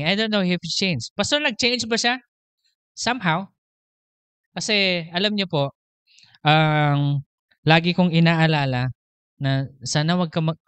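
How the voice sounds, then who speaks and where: A man's voice: on the high side, fairly bright tone, smooth, no room sound. A man preaching a sermon as pastor, telling a personal story, moving between Tagalog and English and laughing often. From Philippines.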